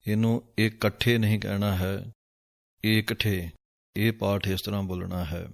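A man teaching scripture recitation, chanting verses slowly and carefully, then explaining pronunciation. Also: on the low side, steady tone, creaky, dry recording, studio quality. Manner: measured, deliberate, carefully enunciated. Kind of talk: slow chanted recitation with spoken pronunciation notes.

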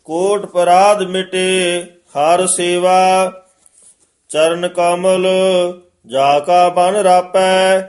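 A man chants scripture very slowly in a fairly high voice, half singing each phrase. His pitch barely moves, so the delivery sounds flat and steady. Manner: slow, half-sung, level chanting. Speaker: student reciting.

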